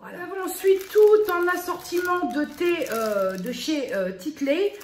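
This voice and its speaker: A woman vlogger chatting casually as she reads out product labels, often pausing with fillers. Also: very high-pitched, animated, roomy sound, a little hiss or hum. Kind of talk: casual vlog unboxing.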